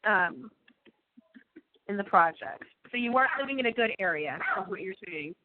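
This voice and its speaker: A middle-aged woman doing a casual phone interview, asking questions haltingly and trailing off as she takes notes. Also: medium pitch, lively intonation, background noise. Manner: halting, trails off while note-taking. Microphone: phone call. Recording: tinny dry phone-line sound.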